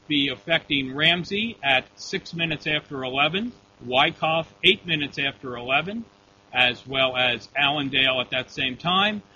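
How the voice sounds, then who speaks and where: A man with a very sharp, bright voice works as net control on a ham radio storm net. His phrasing is formal and procedural, pitched a little high. The audio is dull and lo-fi. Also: a little hiss or hum. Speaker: weather net control operator.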